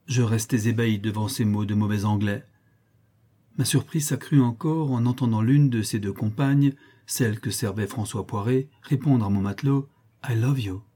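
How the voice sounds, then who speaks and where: A man reading a first-person adventure memoir aloud as an audiobook, in a measured, expressive way. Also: lowish voice. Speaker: audiobook narrator. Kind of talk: audiobook narration.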